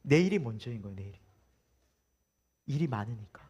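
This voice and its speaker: A man's voice: medium pitch, animated, fairly quick, darkish tone, husky, highs cut off. A male pastor preaching a Sunday sermon in a church, with humor and many rhetorical questions.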